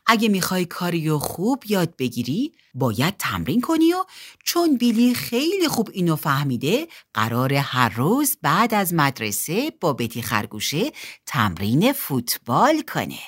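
A gentle, wise father from a children's storybook, voiced by a woman. He speaks low and calmly, explaining patiently. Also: husky, full character voice.

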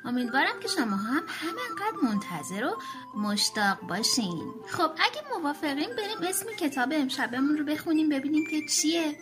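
A woman reading a children's bedtime story aloud in an expressive, animated way. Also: high voice, over music.

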